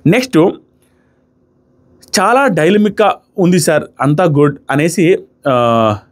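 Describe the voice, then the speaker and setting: A man giving a casual, animated review of a reality show, mixing English words into his talk. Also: on the high side, slow. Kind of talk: casual commentary.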